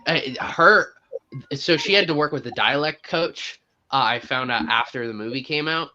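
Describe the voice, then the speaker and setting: A man's voice: medium pitch, moderate pace, sharp tone, faint music behind. Enthusiastic man on a dull lo-fi mic. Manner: enthusiastic praise, many fillers like "like" and "uh". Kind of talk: casual movie review chat.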